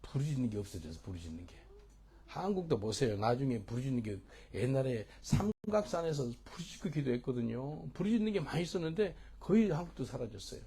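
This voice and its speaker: A middle-aged male pastor preaching a sermon, moving from soft, close asides to loud, fervent exhortation. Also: medium pitch, sing-song, fairly quick, vocal fry, breathy edge.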